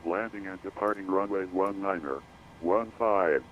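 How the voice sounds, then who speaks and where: Deep male airport weather broadcast voice. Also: unhurried. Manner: flat, repetitive automated readout of weather and runway notices. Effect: radio broadcast of automated airport information. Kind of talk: recorded airport weather and runway information broadcast. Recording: dull lo-fi radio feed with faint hiss.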